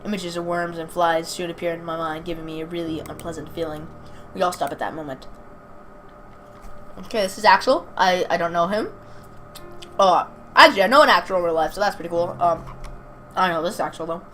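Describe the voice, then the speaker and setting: In a clearly noisy amateur home recording, a young woman hosting a gaming video reads game text aloud and chats informally, stumbling here and there. Her voice is lowish and fairly bright, and she speaks briskly but pauses often.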